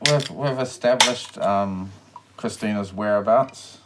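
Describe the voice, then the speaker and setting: Deep-voiced rambling New man. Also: takes it slowly, background noise. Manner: rambling storyteller, swears freely, drinking beer. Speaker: podcast co-host. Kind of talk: casual chat.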